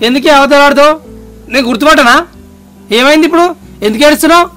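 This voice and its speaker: An impatient young village son argues with his mother in a very high, bright, forceful voice with a Telangana accent, as an actor plays him. He talks fast and brushes objections aside. Light music plays behind him. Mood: concerned. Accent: Telangana Telugu. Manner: brisk, exasperated arguing. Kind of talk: family drama acting. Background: background music.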